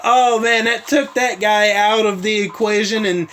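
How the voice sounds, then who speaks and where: A man's voice: sits high, fairly even intonation, unhurried, sharp tone, slight background noise. A man hosting his own show, recapping events in a rambling casual way with many asides. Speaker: host.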